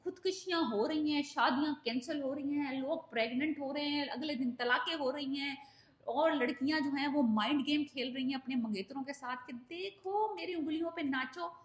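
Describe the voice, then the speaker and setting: Chatty high-voiced woman reviewing dramas. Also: fairly quick. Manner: chatty, opinionated, mixes in English phrases. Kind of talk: casual recap vlog. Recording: echoey room.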